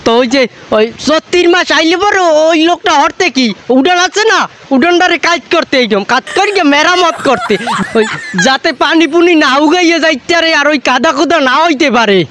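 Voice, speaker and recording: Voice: high voice, animated, moderate pace, fairly bright tone, a little hiss or hum. A performer playing a villager who tells a neighbor's story in rustic dialect chatter. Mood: chatty.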